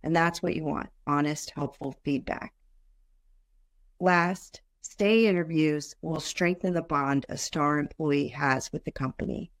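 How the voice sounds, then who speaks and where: A woman's voice: low-pitched, unhurried. A woman hosting a podcast in a scripted presenting style. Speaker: podcast host.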